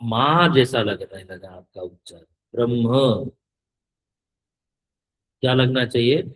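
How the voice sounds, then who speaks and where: A man teaching a scripture class, reciting Sanskrit in a slow chant and carefully correcting his students' pronunciation. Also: medium pitch, lively intonation, fairly bright tone, poor audio.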